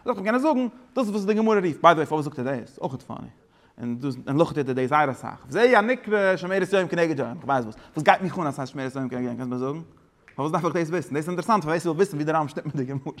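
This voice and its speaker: A man teaching a religious study lesson, explaining in a rapid, rambling way and dropping English words into his talk. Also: fairly high pitch, animated.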